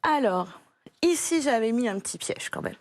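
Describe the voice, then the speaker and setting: A French woman teaching a primary school spelling lesson, speaking slowly and clearly, patient and encouraging as she repeats each word for a young pupil. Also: on the high side, animated, no echo. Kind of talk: slow, clear classroom instruction to a child.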